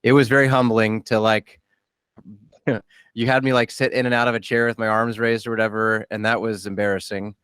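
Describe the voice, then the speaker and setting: A man in his late thirties with a low, smooth, resonant voice, chatting candidly as a podcast host. He talks in a halting, self-deprecating way, circling back and restarting his sentences. The sound is close and dry. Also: flat delivery, fairly bright tone, dry recording. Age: 30s. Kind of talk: casual interview chat.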